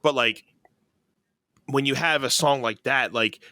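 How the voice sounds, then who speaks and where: A man co-hosting a podcast in casual chat, quick to chime in and joke. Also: mid-range voice, pushed and bright, dry recording, clean studio sound. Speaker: podcast co-host.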